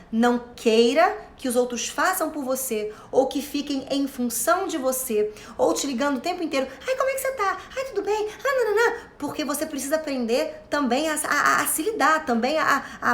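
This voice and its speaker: A woman's voice: high-pitched, echoey room. A woman with a Brazilian Portuguese accent giving an informal self-help lecture, chatty and theatrical, calling her listeners love and dear.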